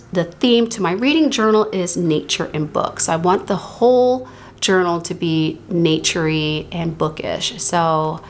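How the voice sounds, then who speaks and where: On her channel, a woman flips through her reading journal in a chatty way, lingering on favorite words to stress them. Her voice sits on the low side and remains a touch hoarse from a recent illness, with slight hiss or hum underneath.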